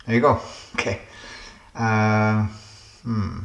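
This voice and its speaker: A man's voice: lowish voice, steady tone, takes it slowly, vocal fry, a bit bright, echoey room, muffled recording. A man hosting a puzzle game channel, casually thinking aloud through word puzzles, musing and hesitating as he guesses.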